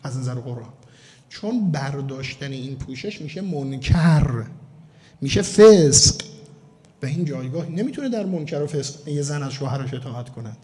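A man from Mashhad delivering a sermon as a cleric, emphatic and slowing down to stress key words. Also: mid-range voice, lively intonation, dark tone. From Mashhad, Iran. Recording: long hall reverb.

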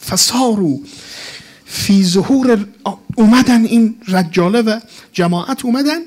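A man with a noticeably high voice delivers a mourning sermon. He moves between slow, drawn-out chanted recitation and a more emotional spoken retelling. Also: darkish tone. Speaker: mourning preacher.

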